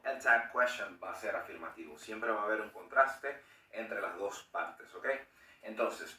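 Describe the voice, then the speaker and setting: Male teacher, lowish bright voice, explanatory delivery, demonstrates intonation; roomy, a bit off-mic. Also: distant mic. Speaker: English teacher. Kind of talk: explaining a grammar lesson.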